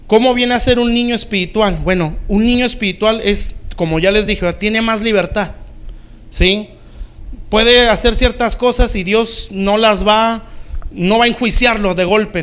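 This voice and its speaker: A man's voice: sits high, a bit bright. A man preaching a sermon as pastor, in a plain conversational way, often checking with the congregation whether they follow.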